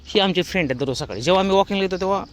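A man vlogger with a high-pitched, expressive, rapid-fire voice chats casually to the camera while walking his dog on an outdoor road. He calls out to nearby dogs to shoo them, with faint outdoor noise in the background.

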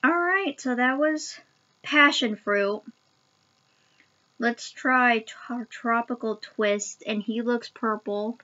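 A woman's voice: fairly high pitch, slow pace, bright, forceful tone, lo-fi sound. A young adult woman chatting casually to camera as a vlogger while eating sour candy, recorded on a webcam in a home room. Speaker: vlogger doing a candy taste challenge. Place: small home room, indoors. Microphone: webcam at arm's length.

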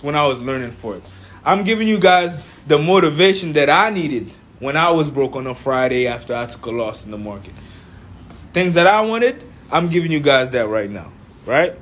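A man's voice: high voice, slightly rough. A young man born in Haiti, talking casually to his phone camera at home about forex and money. He speaks emphatically, repeats himself and keeps asking "right?". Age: young adult. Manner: emphatic, repeats phrases, asks "right?" often. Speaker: forex trading vlogger. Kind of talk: casual motivational talk to camera. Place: indoors at home, small room. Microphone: phone held at arm's length.

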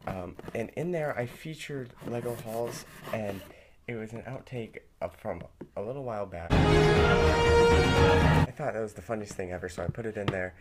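A man's voice: lowish voice, moderate pace, loud music behind the voice. A young man chatting upbeat in a casual vlog from a small bedroom, with lots of ums. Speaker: vlogger.

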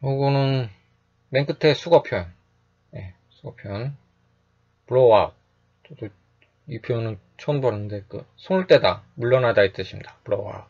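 In a calm, explanatory lecture, a man with a mid-range voice teaches English phrases, saying each one slowly and repeating it, often tacking on a short "yes." The recording sounds muffled.

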